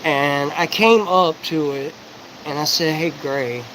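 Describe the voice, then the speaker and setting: A livestreamer in his forties rambles through a disjointed, profane monologue, swearing freely and leaping from one thought to the next. His voice is high for a man, coming out in rapid, tumbling bursts over a faint underlying hiss.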